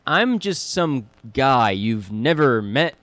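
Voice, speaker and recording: A man's voice: medium pitch, sing-song, takes it slowly, a bit bright. A man playing a chatty, goofy lawyer and detective in an improvised comedy scene, rambling with many false starts.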